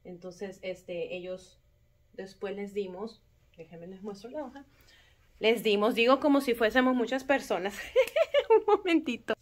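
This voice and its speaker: A woman's voice: fairly high pitch, animated, measured pace, pauses often. A woman kindergarten teacher casually explaining classroom work to parents. She talks in a chatty way, uses many filler words, corrects herself often and sounds out words syllable by syllable.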